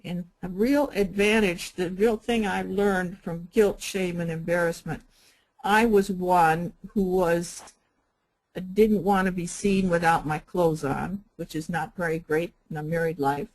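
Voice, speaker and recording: An older woman teaching a spiritual healing workshop in a gentle, unhurried way, repeating and spelling out her points. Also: lowish voice, fairly even intonation, low-quality recording.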